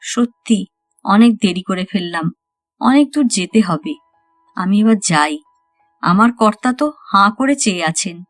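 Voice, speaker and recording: A woman voicing the ghost of a spirited young village woman who scolds and teases with quick retorts. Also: medium pitch, lively intonation, no room sound, faint music behind, close to an everyday voice. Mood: wistful.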